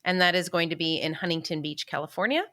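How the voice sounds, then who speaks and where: A woman's voice: on the low side, fast talker, sharp tone. A woman guest, a spiritual teacher, explaining her workshop in a conversational way.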